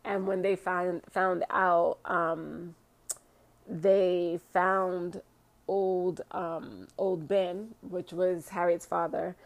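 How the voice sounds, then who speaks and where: Woman host reading a book aloud, slow and unhurried, low-pitched, excitable asides and word stumbles. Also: no room sound. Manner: excitable, chatty, stumbles over hard words.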